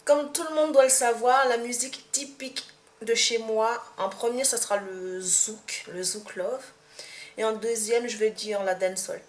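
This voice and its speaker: A woman's voice: on the high side, fairly even intonation, measured pace. A young woman from Martinique with a Martinican accent, chatting to camera in a casual tag video, hesitant with many fillers and restarts. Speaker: vlogger. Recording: echoey room, faint background hum.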